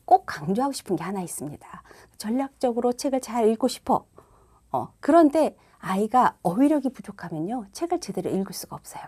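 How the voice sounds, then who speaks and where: A middle-aged woman teaches parents how to read picture books to their children. Her pitch swings widely as she explains, while the tone stays soft and mellow. She slips into playful read-aloud voices for the lines she quotes. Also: husky. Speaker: reading coach. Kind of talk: instructional talk to parents.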